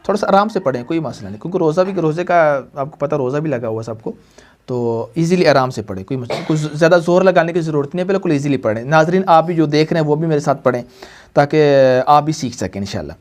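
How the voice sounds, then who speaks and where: A man teaching a Quran reading class, patiently repeating points and quizzing students in call-and-response. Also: fairly high pitch. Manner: repetitive call-and-response questioning; patient, slow drilling. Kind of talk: classroom lesson to students and viewers.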